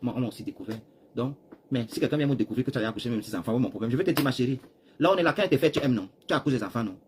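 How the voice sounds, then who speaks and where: Cameroonian guy rambling on his live, talks real fast, goes loud then quiet, faint hum behind. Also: medium pitch, animated. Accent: Cameroonian French. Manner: rambling, talks straight to viewers, swings between loud and hushed. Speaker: live streamer. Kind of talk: rambling live-stream monologue. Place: seated, chair.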